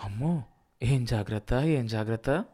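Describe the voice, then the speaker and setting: A man's voice: mid-range voice, lively intonation, brisk, darkish tone, lightly acted. A man voicing an anxious middle-aged village wife who coaxes and snaps at her husband in a storybook reading. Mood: teasing.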